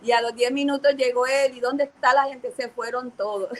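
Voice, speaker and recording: A woman pastor in middle age shares a personal testimony. She talks earnestly and haltingly, often restarting and repeating words. Her voice sits somewhat high. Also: steady tone, low-quality recording. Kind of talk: personal testimony to an online audience.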